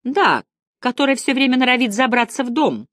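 A woman reading the part of a spirited, stubborn older woman in a lively, brisk, insistent way. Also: high voice, dry recording, studio quality, voice pushed up, full character voice. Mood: chatty.

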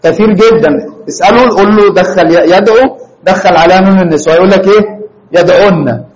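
A man's voice: high voice, fast talker, rough recording. Man teaching grammar in Egyptian Arabic. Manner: questioning, prompts students for answers. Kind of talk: classroom lesson.

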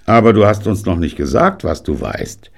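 A man reading an audiobook and voicing a measured, doubtful poker player. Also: on the low side, big pitch swings, gravelly, breathy edge, voice pushed up, full character voice.

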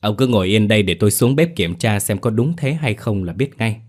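A man voicing a sharp-tongued, scornful older village wife who scolds and dismisses her husband, in a told ghost story. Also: on the low side, lively intonation, a little fast.

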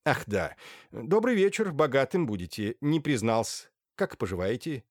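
A man's voice: mid-range voice, big pitch swings, moderate pace, no room sound, clean studio sound, pitched above the performer's own voice. A man voicing a forgetful, fussy old general in an audiobook. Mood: puzzled. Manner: absent-minded, fussy.

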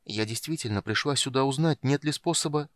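A man's voice: mid-range voice, fairly quick, no echo, voice pushed up, close to an everyday voice. A man voicing a frightened, desperate young woman who pleads and stammers for breath. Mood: pleading.

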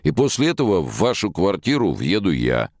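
Man playing a snooty soviet party boss, gravelly voice, swingy pitch, audiobook, dry sound. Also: huge pitch swings, brisk, a little mellow, dry recording, heavily acted. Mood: haughty. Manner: haughty, imperious. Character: arrogant Soviet party official, middle-aged man. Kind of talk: audiobook character voice.

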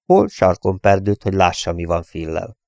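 A man reading an audiobook in a steady, measured storytelling manner. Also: low voice, gravelly, no room sound, studio quality. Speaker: audiobook reader. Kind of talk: audiobook narration.

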